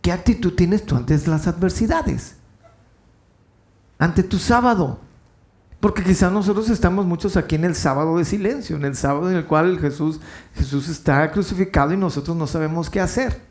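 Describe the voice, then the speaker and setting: A man preaching a sermon as pastor, telling a story with lively swings in his delivery and acting out the quoted voices. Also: a little high, a little fast.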